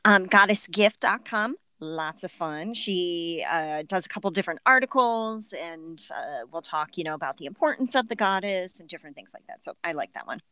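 A woman's voice: on the low side, lively intonation, moderate pace, hardly any pauses, sharp tone, smooth, dry recording. A woman with a Cleveland, Great Lakes accent co-hosting a podcast in casual, informal, jokey chat. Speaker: podcast co-host.

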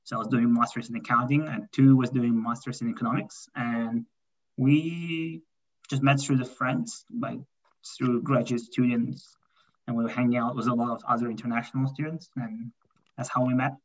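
A man's voice: mid-range voice, moderate pace. Man from Kazakhstan on a muffled call. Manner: relaxed, repeats "for sure" and "yeah". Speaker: guest. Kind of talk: casual interview.

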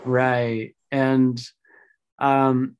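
A woman guest in a casual interview, explaining things thoughtfully, her voice a little rough after vocal surgery. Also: very deep voice, flat delivery, very slow, a little mellow.

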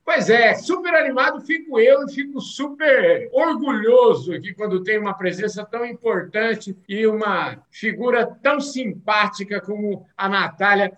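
Enthusiastic male podcast host, high and bright, sing-song delivery. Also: moderate pace, hardly any pauses, dull audio. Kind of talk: upbeat interview hosting.

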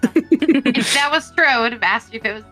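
Higher-voiced woman in casual game chat. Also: fairly quick, fairly bright tone, soft background music. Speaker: tabletop game player.

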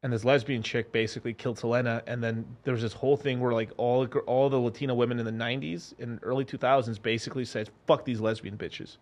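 A young man from a Mexican-American family talking casually as a podcast guest, animated, with frequent restarts and swearing. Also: mid-range voice, fast talker, few pauses. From Mexican-American family, United States. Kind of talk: casual chat.

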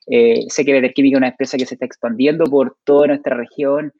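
A man hosting an online interview in Spanish, affable, prompting his guest with steady short backchannels. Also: mid-range voice, fast, lo-fi sound. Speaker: host.

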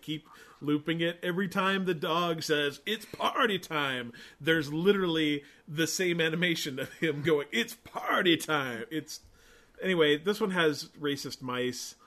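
Casual male co-host, wry and sarcastic, voice a touch higher than usual. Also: normal speed, a bit bright. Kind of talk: casual chat.

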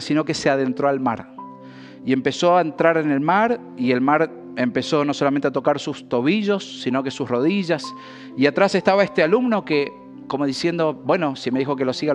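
A man preaching a sermon, fervent and often stumbling into repeated restarts. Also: a little high. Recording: long hall reverb with faint music.

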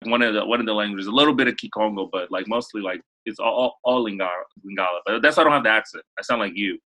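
A man in his thirties from Los Angeles, talking as an interview guest in a loose, rambling way full of fillers and restarts. His voice is husky and breathy, yet he pushes it forward with a bright, forceful edge. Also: lowish voice, racing, low-quality recording. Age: 30s. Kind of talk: casual interview storytelling.

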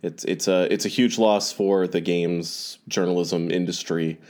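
A man with a deep, low-pitched voice speaks as a podcast host on a low-quality recording. He talks hesitantly and fills his pauses often. He sounds like he is still recovering from an illness. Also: steady tone, a little mellow. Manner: hesitant, many filler pauses. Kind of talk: casual spoken announcement.

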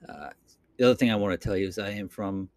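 A Boston man with a Boston accent hosts a solo podcast, rambling off the cuff into a computer mic with plenty of fillers and restarts. His voice is on the low side and a little mellow, and he talks at a quick clip. The recording is clean, studio-like, and free of echo.

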